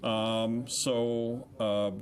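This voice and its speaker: A man's voice: mid-range voice, level tone, drawn-out words. A middle-aged man, a podcast co-host appearing as a guest, chatting casually in an interview and rambling through his story with fillers and restarts.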